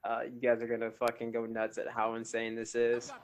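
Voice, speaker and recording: A man's voice: mid-range voice, monotone, fairly quick. A man in his thirties, co-hosting a casual podcast chat, telling stories loosely with swearing and laughter. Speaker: podcast co-host.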